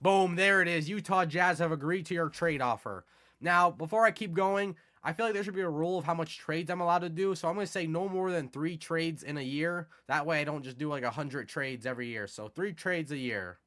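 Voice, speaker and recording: A man's voice: on the high side, a little fast, a bit bright. A man with a stuffy, congested nose from a cold, giving casual, conversational gameplay commentary as host of a video. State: has a cold. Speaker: video game content creator, host.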